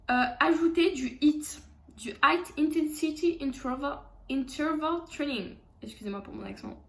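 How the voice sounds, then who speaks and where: A high-voiced French woman talks fitness tips straight to her viewers. Her delivery is casual and chatty, with frequent fillers and self-corrections. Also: echoey room. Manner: chatty, many fillers and restarts. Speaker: fitness coach. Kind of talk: casual vlog advice.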